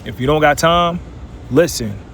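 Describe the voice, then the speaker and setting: A man's voice: on the high side, animated, moderate pace, a bit bright, soft background music. A man talking through his workout in a vlog, motivational and emphatic, repeating his points. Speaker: fitness vlogger.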